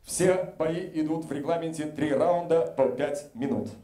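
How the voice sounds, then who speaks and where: A man's voice: fairly high pitch, unhurried, mellow. A middle-aged man announcing fights formally as a grand ringmaster, stretching out names on a handheld microphone. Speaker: ring announcer. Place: indoor MMA cage in an arena.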